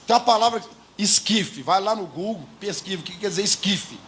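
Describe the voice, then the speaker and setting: Male pastor, Brazilian accent, high voice, emphatic sermon full of questions to the congregation. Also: lively intonation, a little fast, a bit bright, a little hiss or hum. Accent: Brazilian Portuguese. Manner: emphatic, keeps asking the congregation rhetorical questions. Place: church.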